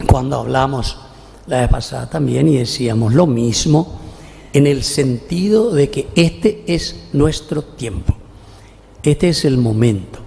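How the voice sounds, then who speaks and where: A middle-aged Paraguayan priest preaches a homely, chatty sermon and keeps checking in with "¿verdad?". His voice is gravelly and mellow in tone. It rings with the long reverb of a church. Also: mid-range voice, slight background noise. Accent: Paraguayan Spanish. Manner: folksy, often asks "¿verdad?". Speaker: parish priest. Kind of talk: conversational homily at Mass.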